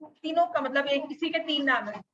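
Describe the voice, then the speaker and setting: A woman's voice: high-pitched, normal speed, fairly bright tone. A woman maths teacher giving a class lesson, mixing Hindi and English and often checking that students follow. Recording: dull lo-fi recording.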